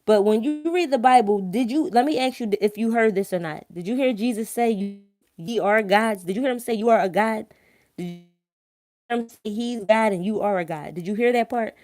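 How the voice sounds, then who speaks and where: This online live-stream host has a mid-range, fairly quick voice that's a little mellow. Her thick Philadelphia accent colors informal, opinionated remarks that are blunt, emphatic, slangy and laced with swearing. She repeatedly checks that listeners follow with tag questions.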